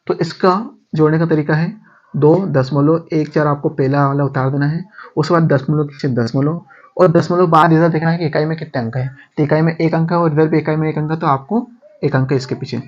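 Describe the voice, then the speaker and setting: Calling viewers his friends, a man walks through maths step by step in a casual lesson, repeating steps and posing rhetorical questions along the way. His voice is a little high, steady and a little mellow, and he speaks a little fast. The lo-fi recording sounds dull.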